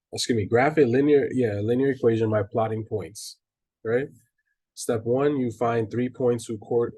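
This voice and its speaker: Casual math teacher with a husky, mellow voice. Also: male voice, medium pitch. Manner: casual, checks in with students, restarts while reading. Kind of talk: online class lecture.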